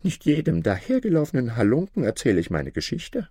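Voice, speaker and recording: A greedy old tailor bargains in a raised, thin voice, stretching his words slowly and slyly. A man acts him out in a fairy-tale reading. The sound is dry and close. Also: mid-range voice, huge pitch swings, warm tone, breathy edge, no echo, voice pushed up. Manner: sly and haggling.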